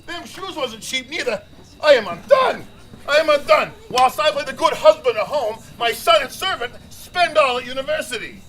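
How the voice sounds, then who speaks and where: An actor playing an outraged old gentleman father, declaiming indignantly in a live outdoor Shakespeare performance. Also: high voice, lively intonation, moderate pace, hardly any pauses, low-quality recording. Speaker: stage actor. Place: outdoor amphitheater. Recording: live stage audience. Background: audience laughter.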